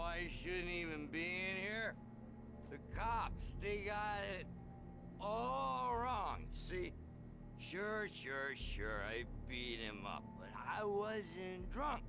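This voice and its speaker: A man's voice: sits high, heavily acted. An actor voicing an agitated drunken man in a video game, rambling, repeating himself and pleading to be believed. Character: agitated drunken man locked up, insisting on wild stories.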